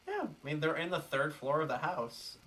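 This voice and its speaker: A man co-hosting a casual film commentary podcast, chatting with quick asides and a lot of "like". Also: on the high side, very animated, a bit bright. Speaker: podcast co-host.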